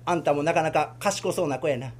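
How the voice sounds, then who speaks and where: A man voicing a sly, smooth-talking dumpling seller with a Kansai accent and soft, coaxing merchant talk in rakugo storytelling. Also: a little high, fairly quick, slight background noise, voice pushed down, lightly acted.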